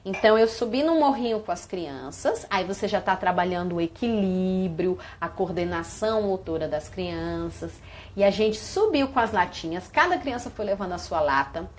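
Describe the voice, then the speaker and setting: A woman's voice: lowish voice, lively intonation, normal speed, a little hiss or hum. A Brazilian woman teacher live-streaming a class demo, showing other teachers activities with props and sung greetings. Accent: Brazilian Portuguese. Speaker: early childhood teacher.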